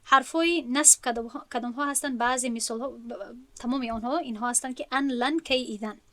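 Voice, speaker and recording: A woman with a Tajik accent and a high, bright voice teaches a grammar class. She talks patiently, taking each point step by step and going back over the terms. The recording is dry and close, with no echo. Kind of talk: online lesson.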